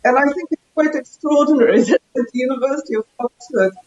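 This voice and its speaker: A woman's voice: high voice, fast, a little mellow, lo-fi sound. Woman on a roomy video call. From Poland. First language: Polish. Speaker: professor, panellist. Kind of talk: personal introduction on a video call.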